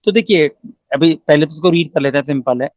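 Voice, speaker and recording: A male commerce teacher with an Indian accent gives a recorded lecture, explaining in everyday speech, asking rhetorical questions and reading English definitions slowly. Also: on the high side, darkish tone, no room sound, dull audio.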